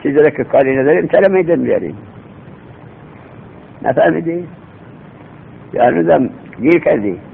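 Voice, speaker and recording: Male teacher, raspy voice, slightly high pitch, patient with repeated rhetorical questions, over a tinny line. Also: animated, long pauses. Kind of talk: seminary grammar lesson. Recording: tinny phone-like recording with faint rumble.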